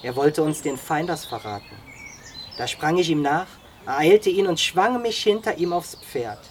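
A reader voicing Shiso, a modest young scout who speaks low and quietly. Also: expressive, moderate pace, a little hiss or hum, natural voice.

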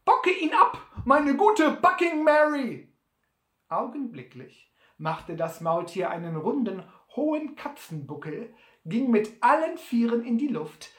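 A reader narrates an adventure novel with lively, wide-ranging pitch and an unhurried pace. The reading sits in a roomy, echoing space. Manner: lively, acts out each character. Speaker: audiobook reader. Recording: roomy echo.

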